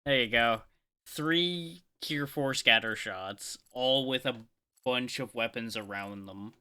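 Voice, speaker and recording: A man streaming live gameplay, talking through his choices with playful, excitable, mock-boastful trash talk. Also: medium pitch, slow, clean tone.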